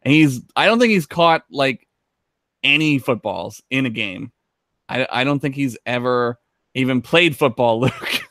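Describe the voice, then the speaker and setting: A man's voice: mid-range voice, animated, a little slow, fairly bright tone, no echo, clean studio sound. A man co-hosting a casual sports podcast, joking, laughing often and swearing. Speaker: podcast co-host.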